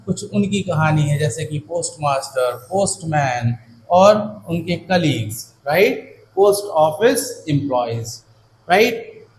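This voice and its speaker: A man teaching an English lesson in Hindi, warmly encouraging his students and checking in often with "theek hai na," slowing down to spell out English words and their meanings. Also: fairly high pitch, expressive. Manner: affectionate and encouraging, addresses students as children and "beta"; slows right down for English phrases and word meanings. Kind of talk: Hindi-medium exam-prep lesson. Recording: echoey room with faint background hum.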